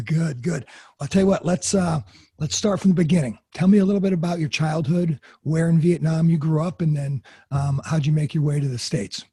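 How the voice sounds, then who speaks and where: A male podcast host with a gravelly, very husky voice chats loosely with his guest. His tone is dark and somewhat raised in pitch, recorded dry and close with little room sound. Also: moderate pace, no echo. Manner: loose and chatty, with fillers and restarts. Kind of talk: casual interview hosting.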